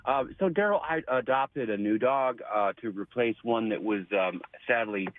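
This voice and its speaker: A man's voice: mid-range voice, normal speed, dry recording. A man calling in over a speakerphone on a phone line, chatting politely with hesitant fillers. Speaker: caller. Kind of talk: casual call-in chat.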